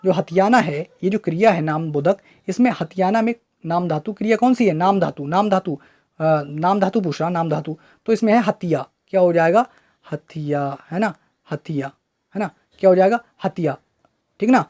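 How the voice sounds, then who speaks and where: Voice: medium pitch, normal speed, a little mellow. A teacher giving an online exam-prep grammar lesson, quizzing listeners with questions they then answer and checking in with "right?" after nearly every point. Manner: keeps checking understanding with "right?" tags.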